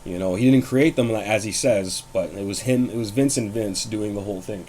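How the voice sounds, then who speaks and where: A man's voice: lowish voice, normal speed, mellow, a little hiss or hum, poor audio. A young man hosting his own show, talking casually and bluntly about wrestling, rambling with fillers and swearing. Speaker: host. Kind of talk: casual wrestling commentary vlog.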